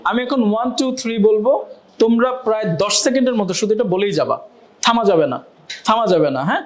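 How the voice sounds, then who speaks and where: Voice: medium pitch, a little fast. An English teacher leading a classroom lesson in call-and-response drills, mixing English phrases into the talk. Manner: mixes Bengali with English phrases.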